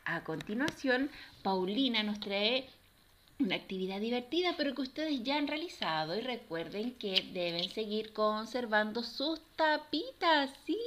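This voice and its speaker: A woman's voice: fairly high pitch, fairly bright tone. A woman teacher presenting a children's lesson, stretching out words and syllables in a sing-song, encouraging manner. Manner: slow, sing-song, exaggerated syllables for kids.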